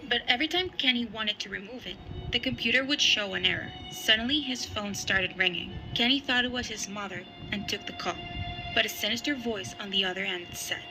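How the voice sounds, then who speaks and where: A woman's voice: medium pitch, poor audio. Woman narrating a horror story over music. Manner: even, measured storytelling. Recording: music playing underneath.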